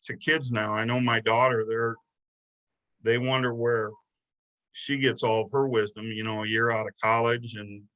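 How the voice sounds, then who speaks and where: A man's voice: mid-range voice, little pitch movement, moderate pace, a bit bright, dull audio. A middle-aged man, a deputy sheriff, telling stories in a casual interview, rambling and restarting often. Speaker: guest, deputy sheriff and investigator.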